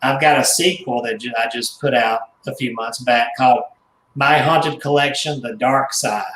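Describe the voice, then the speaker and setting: A man telling stories in loose radio chat, halting and restarting with small chuckles. His voice sits at an ordinary middle pitch. It rings a bit in an echoey room with a faint hiss behind it. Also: a bit bright. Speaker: guest, haunted doll collector and author. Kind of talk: casual storytelling in radio chat.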